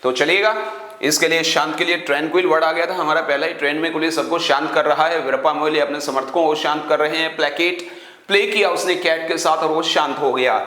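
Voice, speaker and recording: In an online class, a man teaches English vocabulary to exam students, using memory tricks and asking questions he then answers himself. His voice is fairly high and sharp, with a steady tone and a slightly fast pace, in an echoey room.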